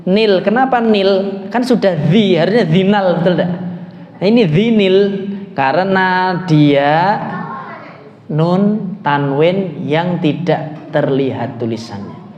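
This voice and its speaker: A man with a Javanese-tinged Indonesian accent teaching Arabic grammar to a class, quizzing students and chanting phrases slowly. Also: sits high, a little mellow, dull audio. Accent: Indonesian, with Javanese words. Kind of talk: classroom lesson. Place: mosque hall. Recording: echoey, reverberant hall.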